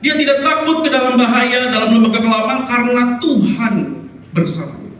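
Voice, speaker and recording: Heard from a distance in an echoey, large church hall, a man with an extremely high-pitched voice delivers a fairly quick sermon. He tells stories with lots of animation, performing the characters' voices and even the dog's barking.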